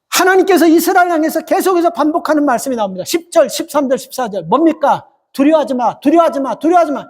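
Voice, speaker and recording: A man's voice: very high-pitched, darkish tone. A middle-aged male pastor preaching a sermon in an emphatic way, repeating short phrases for stress.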